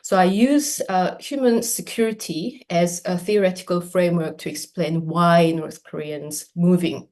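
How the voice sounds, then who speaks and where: A woman giving an academic conference presentation in a measured, lecture-like way with some fillers. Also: on the low side, darkish tone.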